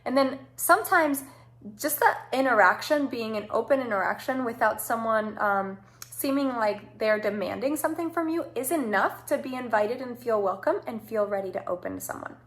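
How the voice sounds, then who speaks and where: A woman with a fairly high voice delivers an informal advice talk. She is direct and instructive, setting out her points with emphasis. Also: expressive, normal speed, a bit bright. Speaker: speaker giving social advice.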